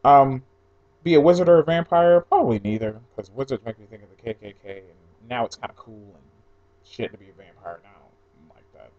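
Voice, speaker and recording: A man's voice: mid-range voice, lively intonation, a little fast, a little mellow. Offhand young man, slightly dull recording. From New Jersey, mostly raised in Atlanta. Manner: offhand, wandering asides. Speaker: blogger recording an audio post. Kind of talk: casual solo chat, reading out a questionnaire.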